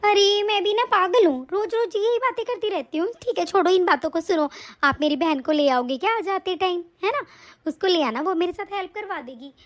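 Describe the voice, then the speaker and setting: A woman voicing a cruel young daughter-in-law and mother in an animated story, speaking in a sharp, nagging, scolding way. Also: very high-pitched, a little fast. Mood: complaining.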